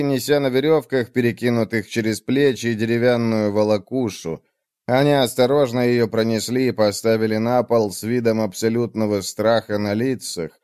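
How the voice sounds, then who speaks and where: A man narrating a fantasy story in a steady, even reading. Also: mid-range voice, clear, resonant tone, dry recording, clean studio sound. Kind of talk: scripted audiobook narration.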